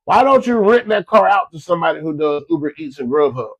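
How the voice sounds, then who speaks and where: A man from Florida, stuffed up with a cold, gives listeners folksy business advice in a casual, repetitive motivational talk. He talks fast, with a slightly high, very animated voice.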